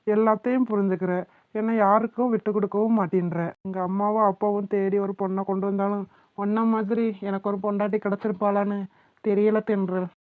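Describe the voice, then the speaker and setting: A woman's voice: mid-range voice, close to an everyday voice. A woman voicing a doting, playful young husband in a cartoon who coaxes his wife affectionately. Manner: affectionate, coaxing. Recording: tinny phone-like sound.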